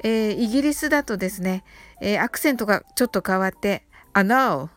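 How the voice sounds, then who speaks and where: A woman hosting a podcast English lesson, talking politely and chattily with soft fillers. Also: medium pitch, fast talker, faint music behind. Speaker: host of an English-learning podcast.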